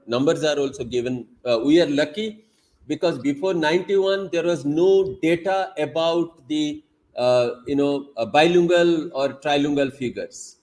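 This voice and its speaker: A man's voice: mid-range voice, darkish tone, low-quality recording. A man from Odisha with an Indian English accent, whose first language is Odia, giving an emphatic online lecture with many fillers and repetitions. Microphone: video call.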